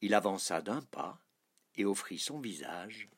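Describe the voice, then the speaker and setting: A man reading a children's storybook aloud, soft and sometimes dropping to a whisper. His low, husky voice moves slowly, with a lively, rising and falling melody.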